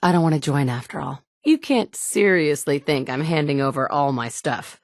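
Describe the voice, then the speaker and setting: Nora, a blunt wasteland survivor. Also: female voice, low-pitched, animated, moderate pace, no room sound, clean studio sound. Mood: firm. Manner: terse and firm, often curt. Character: tough adult woman wasteland survivor, blunt leader. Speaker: player character. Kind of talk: video game dialogue lines. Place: studio booth.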